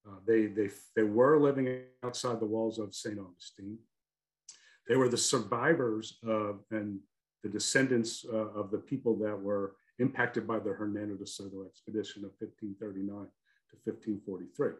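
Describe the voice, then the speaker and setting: A man's voice: lowish voice, steady tone, normal speed, rough recording. A man from the northern United States giving a lecture and answering questions on a video call, talking conversationally with many fillers. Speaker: guest lecturer, archaeologist.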